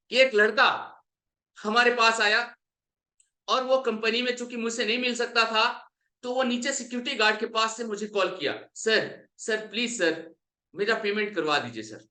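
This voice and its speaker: A man's voice: high voice, bright, forceful tone. A man giving a motivational talk as a coach, emphatic and repeating phrases for effect. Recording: roomy echo.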